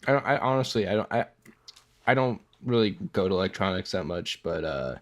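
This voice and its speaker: A man's voice: low-pitched, lively intonation, brisk. Congested young man rambling casually. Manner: rambling, heavy filler words and swearing. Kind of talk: casual chat.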